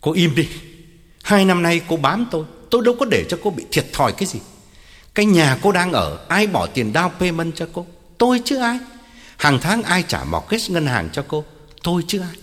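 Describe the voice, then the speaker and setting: A man's voice: a little high, very animated, moderate pace, fairly bright tone, pitched above the performer's own voice. A man playing an angry, domineering doctor who barks commands and scorns the woman he argues with. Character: middle-aged male doctor, angry, domineering. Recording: reverberant reading with guitar music behind.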